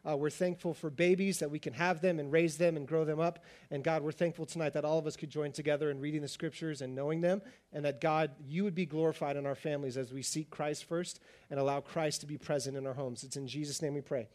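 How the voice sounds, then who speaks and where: He's a fast-talking, animated pastor whose high, faintly raspy voice drives the sermon at a brisk, energetic pace. The congregation gets a lively, conversational exchange from him.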